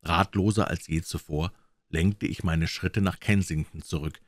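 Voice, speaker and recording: A man's voice: low voice, steady tone, unhurried, dry recording, clean studio sound. A man narrating a classic detective story as an audiobook reader. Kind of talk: scripted narration.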